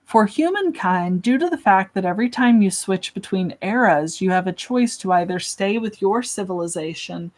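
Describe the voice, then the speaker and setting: A woman's voice: mid-range voice, expressive, moderate pace, few pauses. A young woman hosting a casual livestream, chatting and answering questions from chat in a self-deprecating way.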